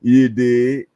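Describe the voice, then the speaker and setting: This is a fifty-something man with a warm, medium-pitched voice, captured in a dry recording. Hosting a boxing stream, he chats easily with his audience, reads their comments, chuckles, and riffs on phrases with slangy back-and-forth.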